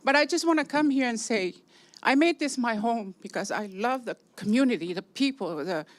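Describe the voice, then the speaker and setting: A woman's voice: fairly high pitch, lively intonation, moderate pace. An older woman from San Francisco giving a rambling, chatty public comment at a city meeting, laughing between points.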